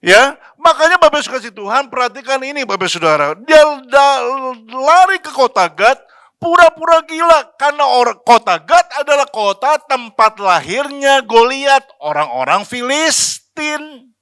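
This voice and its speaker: A man's voice: very high-pitched, very animated, unhurried, bright, forceful tone, dry recording, clean studio sound. A man preaching a sermon as pastor, talking in a chatty, slangy way and asking the congregation questions. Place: church.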